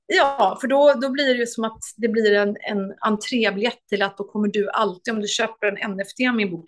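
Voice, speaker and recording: A woman, an author and lecturer, talking enthusiastically as an interview guest, with many hesitations. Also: mid-range voice.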